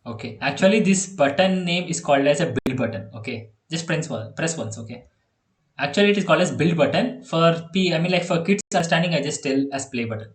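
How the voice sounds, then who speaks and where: A man with an Indian English accent tutoring a child in programming on a video call, chatty and quick to laugh. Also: fairly high pitch, lively intonation, reverberant. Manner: chatty, laughs often, repeats okay and yeah. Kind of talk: online one-on-one coding lesson.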